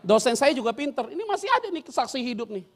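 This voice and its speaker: A man's voice: very high-pitched, fast. A male pastor preaching a sermon, telling stories with acted-out scenes, using casual slang and quizzing his congregation. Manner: animated storyteller who acts out scenes and quizzes the congregation.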